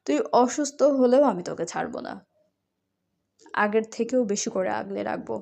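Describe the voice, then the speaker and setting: A woman's voice: on the high side, animated, moderate pace, vocal fry, darkish tone. A woman voicing a devoted, teasing young husband in a romantic audio story, tender and coaxing.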